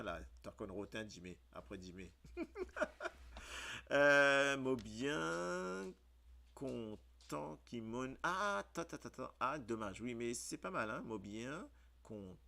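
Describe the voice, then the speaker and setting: Slow, low-voiced man spelling out words. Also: vocal fry, fairly bright tone. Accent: Mauritian Creole. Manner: spells out words letter by letter, hesitant with many fillers. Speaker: radio host teaching creole spelling. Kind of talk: casual radio lesson.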